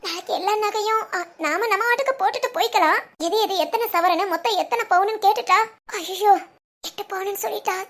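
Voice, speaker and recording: A woman voicing an anxious young pregnant wife in a cartoon family drama, pleading and worried. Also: very high voice. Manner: pleading, worried, fast questions.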